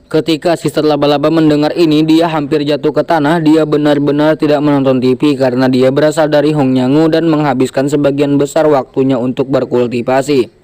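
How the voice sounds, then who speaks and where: A man reading a translated novel aloud, steady, with occasional stumbles and restarts. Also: on the high side, brisk. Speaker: web novel reader.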